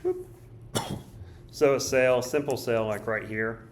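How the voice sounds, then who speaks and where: A male teacher with a hoarse, choked-up voice, casually thinking aloud as he walks through a study guide. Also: mid-range voice, slow pace, slight background noise. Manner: casual, thinks aloud while drawing and writing. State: hoarse, coughing. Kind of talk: recorded study guide walkthrough.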